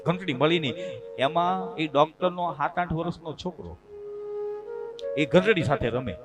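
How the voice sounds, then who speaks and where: A man's voice: on the high side, normal speed, over loud music. Man telling a katha. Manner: animated, addresses listeners directly. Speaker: religious storyteller. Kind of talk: katha storytelling sermon.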